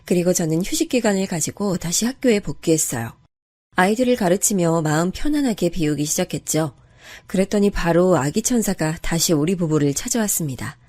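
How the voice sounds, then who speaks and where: Mellow woman narrating a story. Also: lowish voice, fairly quick. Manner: calm, confiding, even-paced. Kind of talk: first-person story narration.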